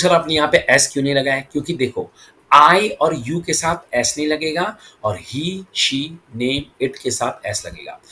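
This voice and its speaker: A man teaching English grammar in Hindi. He explains each rule quickly, then says the English example sentence slowly and deliberately. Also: medium pitch, fairly bright tone, slight background noise. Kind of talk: Hindi-language English lesson.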